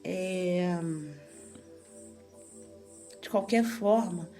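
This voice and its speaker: A woman's voice: lowish voice, fairly even intonation, very slow, mellow, soft background music. A woman, a guest on a radio interview, telling a personal story at length and acting out what people said. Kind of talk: personal testimony in conversation.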